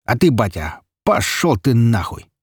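A man voicing a dim, cruel teenage boy whose shrill voice cracks into falsetto in a spoken story. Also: expressive, normal speed, breathy edge, dry recording, studio quality. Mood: gloating.

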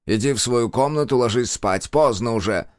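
Man doing a strict angry dad, growly and barky, louder and higher than his normal voice. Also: moderate pace, no room sound, clean studio sound, lightly acted. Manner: barking, commanding. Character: stern, growling middle-aged father. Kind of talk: audiobook character voice.

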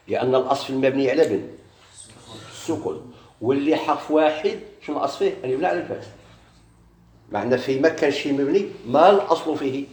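Brief: Moroccan-accented male grammar teacher, quick delivery, quizzes himself aloud, echoey room. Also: medium pitch, darkish tone. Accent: Moroccan Arabic. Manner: poses questions and answers them himself. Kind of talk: classroom grammar lesson.

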